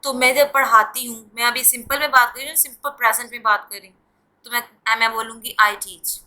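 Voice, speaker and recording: A woman's voice: fairly high pitch, steady tone, fairly quick, bright, forceful tone, poor audio. A woman giving a patient, step-by-step grammar lesson, often checking in with her listeners. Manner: patient, explains step by step with repeated check-ins. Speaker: English grammar teacher. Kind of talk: classroom-style grammar lesson.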